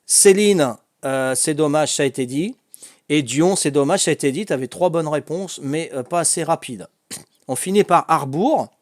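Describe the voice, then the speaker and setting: Corsican guy hosting a family quiz, kinda high voice, laughs a lot, dry close sound. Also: moderate pace, a little mellow, dry recording. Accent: Corsican French. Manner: chatty, laughs often, reads out answers. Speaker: quiz host.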